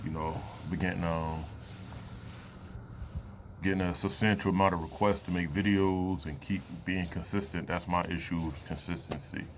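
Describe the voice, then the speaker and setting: A man in his late thirties giving a reflective personal talk to camera, loose and halting, with many fillers and pauses. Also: low voice, fairly even intonation, slight background noise. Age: 30s. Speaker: vlogger.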